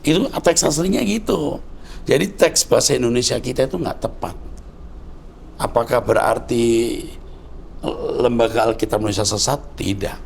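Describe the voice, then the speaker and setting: A man's voice: mid-range voice, normal speed, creaky, slight background noise. A man in his sixties, a pastor answering viewer questions in a fatherly, lecturing way. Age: 60s. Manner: fatherly, lecturing, calls listener "Nak". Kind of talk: conversational teaching.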